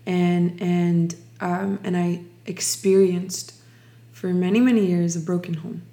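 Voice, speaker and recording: Slow, reflective young woman from Ukraine. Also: fairly low pitch, steady tone, dark tone. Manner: slow, reflective, many restarts. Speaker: guest sharing testimony. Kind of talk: personal testimony interview.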